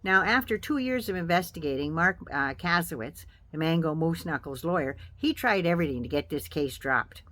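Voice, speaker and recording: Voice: medium pitch, expressive, normal speed, hardly any pauses, a bit bright. An American host giving casual political commentary in a folksy, sardonic, salty-tongued manner.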